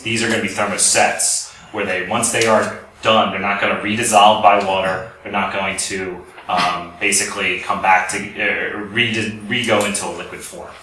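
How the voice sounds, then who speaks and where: A company executive delivers an informal technical product lecture to an audience in an indoor lecture room, explaining as he goes and frequently correcting himself. His voice is lowish with a sharp tone. The recording is very echoey, with a distant mic and faint noise.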